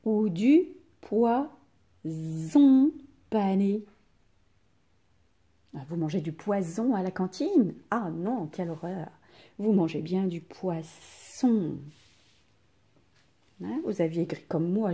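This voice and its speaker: Teacher, female, recorded home lesson for children: slow, mellow, slightly husky delivery, sounds drawn out. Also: fairly low pitch. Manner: slow, clearly articulated, stretches out sounds. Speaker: primary school teacher. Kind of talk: recorded reading lesson for young pupils.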